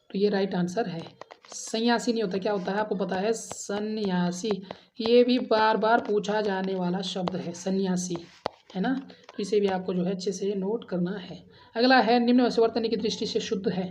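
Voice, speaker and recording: A woman's voice: medium pitch, mellow, a little hiss or hum. Woman teacher drilling Hindi grammar questions. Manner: addresses students as friends, asks and answers quiz questions; drills answers, repeating option letters. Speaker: exam prep teacher. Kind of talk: Hindi grammar exam lesson.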